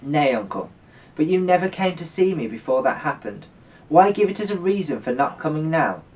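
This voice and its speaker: A man voicing a cheerful, warm-hearted young nephew in a storybook reading, earnest and pleading. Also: fairly high pitch, very animated, normal speed, pitched above the performer's own voice. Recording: distant, dull lo-fi microphone.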